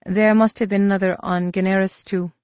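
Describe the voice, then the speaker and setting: Woman reading an alien woman commander, flat monotone, dry close sound, storybook. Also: medium pitch, brisk, clear, resonant tone, no echo, voice pushed up, natural voice. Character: flat-voiced female alien base commander.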